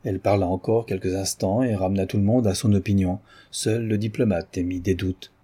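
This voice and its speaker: Husky-voiced male audiobook narrator. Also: deep voice, fairly even intonation, a little fast, warm tone.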